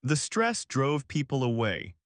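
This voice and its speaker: Guy doing scripted doc narration, mid-pitch voice, measured and dramatic. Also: very animated, no room sound, clean studio sound.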